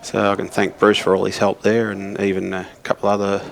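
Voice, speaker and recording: Low gravelly man telling snooker stories. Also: monotone, a little fast, slight background noise. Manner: rambling storyteller with many ums. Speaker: co-commentator and former player. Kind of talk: relaxed snooker commentary and anecdotes.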